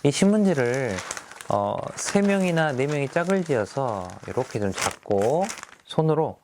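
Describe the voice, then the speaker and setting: A man's voice: mid-range voice, big pitch swings, measured pace, a little mellow, a little hiss or hum. A middle-aged male teacher who talks through classroom activities in a friendly, explaining way, often starting with fillers.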